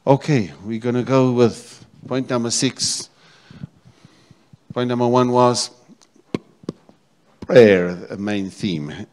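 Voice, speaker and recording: Speaking slowly and pausing often, this middle-aged South African man delivers a sermon as pastor on an indoor church stage. His voice is mid-range with a darkish tone, and he repeats key phrases while checking in with his congregation through a handheld mic.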